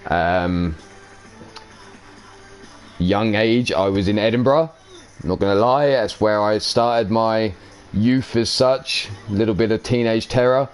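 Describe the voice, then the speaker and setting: A man's voice: fairly low pitch, slow pace, pauses often, clean tone, faint music behind. A man with a brash, profane manner, answering an in-character interview as a wrestler and chuckling now and then.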